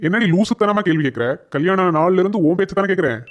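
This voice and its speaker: A man's voice: high-pitched, lively intonation, fast, faint music behind. A man voicing a henpecked young husband in a cartoon comedy, placating and sweet-talking his wife.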